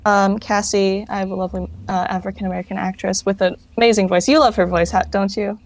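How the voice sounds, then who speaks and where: Speaking fast in a mid-range voice with little pitch movement, this woman is recorded with no room sound. As the founder of a fan project, she answers interview questions informally, rambling and frequently correcting herself in casual conversation.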